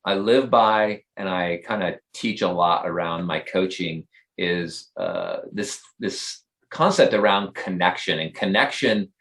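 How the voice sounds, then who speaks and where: A man's voice: low-pitched, unhurried, fairly bright tone. A male life coach co-hosting a faith podcast, talking thoughtfully and rambling with many fillers. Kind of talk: casual faith-based podcast talk.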